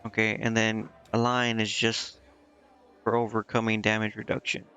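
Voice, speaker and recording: Over game music and a slightly dull lo-fi mic, a man casually narrates the video game he's streaming, musing aloud and reading out bits of on-screen text. His voice is lowish and monotone, sharp but clean, at a moderate pace.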